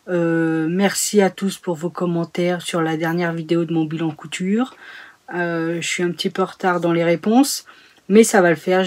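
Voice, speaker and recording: A woman's voice: lowish voice, darkish tone. A woman reviewing two sewing books in a casual vlog, chatty and hesitant, with many fillers. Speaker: sewing YouTuber. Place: home sewing room.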